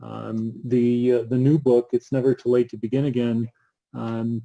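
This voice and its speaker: Guy cohosting a book chat, flat monotone, lots of ums, dry asides. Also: mid-range voice, vocal fry, narrow, tinny audio. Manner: halting, many ums and uhs, dry asides. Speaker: co-host. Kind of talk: casual chat about books.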